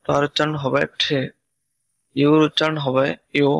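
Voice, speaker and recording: A man teaching English pronunciation, reciting letters in a steady, list-like way. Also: a little high, moderate pace, vocal fry, no echo, rough recording. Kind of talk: scripted pronunciation lesson.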